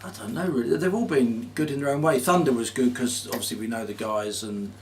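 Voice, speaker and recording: A man talks in a relaxed, jokey way, full of slang and easy laughter. His voice sits at a middling pitch, and a faint hiss and room ambience run under the recording. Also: fairly quick, recorded from a distance. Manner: chatty storytelling, laughs often, slangy. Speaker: band musician, interviewee. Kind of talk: casual chat.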